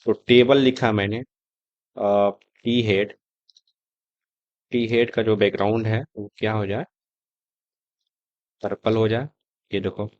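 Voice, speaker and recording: A man teaching a screen-recorded coding lesson, talking step by step in a relaxed, conversational way as he types and shows results. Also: lowish voice, slow, long pauses, no room sound, muffled recording. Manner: conversational, explaining step by step while typing. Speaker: coding tutor.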